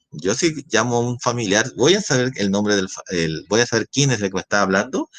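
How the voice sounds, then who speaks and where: A man with a Chilean accent, a science teacher explaining a lesson and often checking in with tag questions. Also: on the low side. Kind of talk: recorded class lecture.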